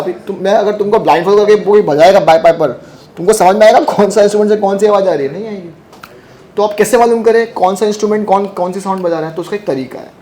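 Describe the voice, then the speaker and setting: A man lectures a physics class in a voice that sits high and sounds a little mellow. Between points he teases his students, asks them questions, and repeats their answers back to them.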